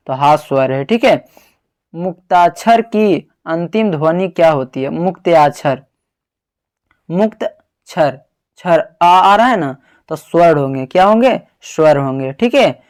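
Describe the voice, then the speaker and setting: A man runs an exam-prep grammar lesson in a slightly high voice. He asks each question aloud, then answers it and repeats it for the student. He sounds out syllables and keeps ending with a reassuring "okay". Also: lively intonation, measured pace. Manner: calls the listener "babu", sounds out syllables. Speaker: teacher.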